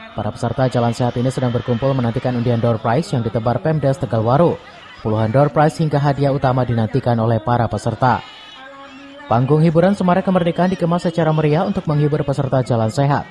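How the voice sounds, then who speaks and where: A man's voice: mid-range voice, fast, dark tone. A man with an Indonesian accent reading a scripted news report as a field reporter.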